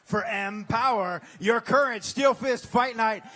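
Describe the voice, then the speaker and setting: A man working as a fight ring announcer, reading fighter stats and building up to the names. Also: measured pace. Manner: booming, builds to shouted name calls. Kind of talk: fight announcing with drawn-out calls.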